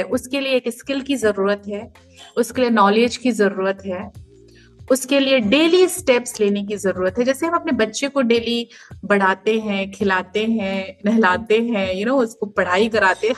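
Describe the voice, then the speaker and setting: A woman in her thirties speaks as a podcast guest, earnest and emphatic, and she explains her points through homely comparisons. Her voice sits fairly high. Faint music plays under the conversation. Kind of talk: podcast interview answers.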